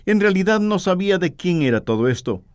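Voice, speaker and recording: A man's voice: high-pitched, very animated, brisk, smooth, dry recording, studio quality, pitched above the performer's own voice. A man voicing a poor, timid mother who pleads humbly in a sermon story.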